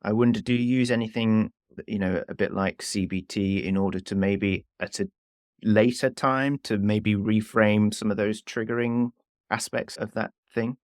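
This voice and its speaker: Podcast host guy, lowish voice, laid back, dry close mic. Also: moderate pace, no room sound. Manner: relaxed, thoughtful questions, frequent small affirmations. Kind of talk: conversational podcast interview.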